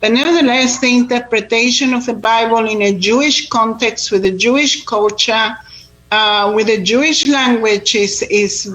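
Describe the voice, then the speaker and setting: This tour guide and Bible teacher, Israeli-born and Argentine-raised, talks about her faith in an earnest interview full of fillers and repeated phrases. Her voice is a little high and fairly bright at a normal pace, with faint music behind it on a rough recording.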